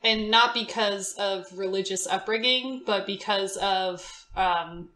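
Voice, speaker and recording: Slow-talking animated young woman from Indonesia. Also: mid-range voice, echoey room. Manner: animated, theatrical, laughs often. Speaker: podcast guest. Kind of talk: casual chat.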